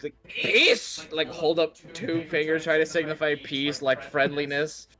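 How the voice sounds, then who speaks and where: A man's voice: on the high side, level tone, normal speed, crowd noise. A man talking casually as a player in a tabletop game, improvising his character's actions. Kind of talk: casual improvised role-play chat.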